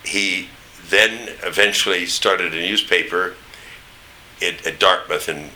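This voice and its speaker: An older American man with a standard accent and a low, very bright, forceful voice. He reminisces in loose anecdotes, pausing to search for names. There is a faint hiss behind him. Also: low-quality recording. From East Tennessee, United States. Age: older, 70s or above. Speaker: interviewee recounting memories. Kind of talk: oral history reminiscence.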